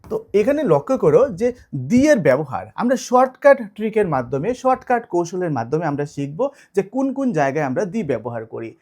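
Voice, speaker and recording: A man's voice: fairly high pitch, big pitch swings, fast talker, a little mellow. A man teaching an online grammar lesson, explaining step by step and asking his students questions.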